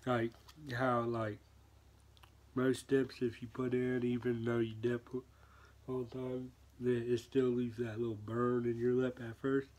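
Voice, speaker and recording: Flat-toned young man talking with dip in lip. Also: mid-range voice, a little slow. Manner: laid-back, slangy, rambling. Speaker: product reviewer. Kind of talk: casual review chat.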